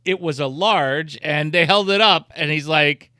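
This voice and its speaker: A man's voice: a little high, measured pace, pushed and bright, clean tone, no echo, clean studio sound. A man co-hosting a podcast in casual chat, rambling, with many restarts and jokes. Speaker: podcast co-host. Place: podcast studio.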